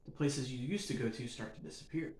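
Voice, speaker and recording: A man's voice: mid-range voice, a little mellow. Earnest man in a roomy echo. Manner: measured, earnest, building emphasis in short phrases. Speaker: podcast host. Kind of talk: reflective scripted monologue.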